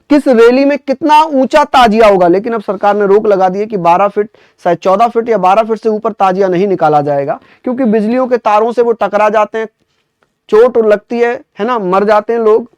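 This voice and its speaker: A male history teacher, drilling his students by repeating each question and answer. His voice sits high and rings clear, close to a dry mic. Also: a little mellow, dry recording. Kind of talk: online exam-prep lecture.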